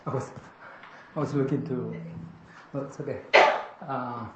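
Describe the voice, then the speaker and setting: As workshop leader of an interactive writing seminar, a man from Peru speaks with a Peruvian Spanish accent, animatedly questioning the room and frequently adding "correct?" His voice is medium-pitched and measured, recorded in an echoey room with faint noise.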